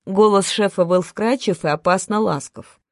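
A woman's voice: medium pitch, moderate pace, no room sound, studio quality. A woman narrating a first-person story in an ironic storytelling manner. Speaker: audiobook narrator.

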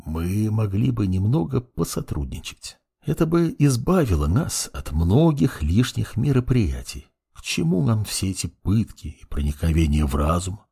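A man voicing a calm, coldly fascinated undead lich. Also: fairly low pitch, moderate pace, creaky, husky, full character voice. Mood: menacing. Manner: calm, coolly fascinated, softly menacing. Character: cold, curious undead lich mage, centuries old. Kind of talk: audiobook character reading.

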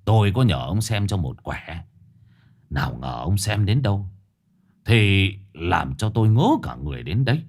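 A man voicing an anxious older wealthy landlord who speaks to his wife in a hushed, confiding way. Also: deep voice, very animated, moderate pace, voice pushed down, exaggerated voice.

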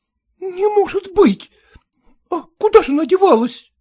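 A man reading a story aloud, voicing a fussy, flustered middle-aged lady of the house with a shrill, indignant manner. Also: expressive, unhurried, darkish tone. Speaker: character in a read story.

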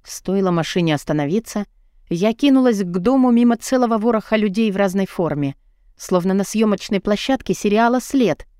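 A woman's voice: mid-range voice, a little fast, mellow, smooth, no echo. Female audiobook reader, emotional first-person delivery, dry close mic. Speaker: audiobook narrator.

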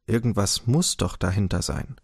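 A man voicing an excited woman, the hero's sister, asking hasty, agitated questions in an audiobook. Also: on the low side, moderate pace, creaky, husky, dry recording, clean studio sound. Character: excited middle-aged sister, hurried.

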